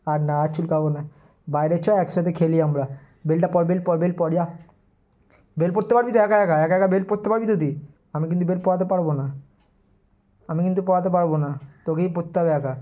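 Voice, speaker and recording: A man chatting to his pet dog for a vlog, teasing and coaxing it in affectionate baby talk. His voice sits a little high. The sound is dull and lo-fi, like a phone recording. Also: fairly even intonation, fairly quick, long pauses. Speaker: vlogger.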